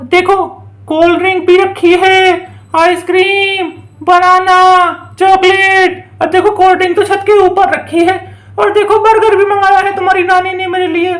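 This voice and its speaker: A woman's voice: extremely high pitch, level tone, measured pace, echoey room. A woman voicing a stubborn village mother in a toy doll story, scolding and bargaining.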